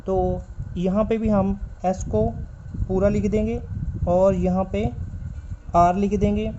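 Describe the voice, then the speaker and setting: A man's voice: high voice, level tone, slow, background noise. A man teaching a stenography class. He explains patiently, repeats key points and spells out letters as he writes. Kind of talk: step-by-step spoken lesson while writing. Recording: dull lo-fi recording.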